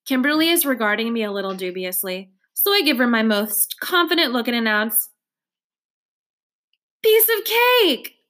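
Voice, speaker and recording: A woman's voice: fairly high pitch, fairly quick, few pauses. Woman reading a novel aloud. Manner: expressive storytelling. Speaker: audiobook reader.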